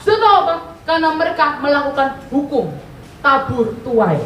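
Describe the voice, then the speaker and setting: High-voiced woman preaching in an echoey hall. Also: moderate pace, slight background noise. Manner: animated storytelling with call-and-response questions. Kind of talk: sermon. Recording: echoey hall, mic at a distance.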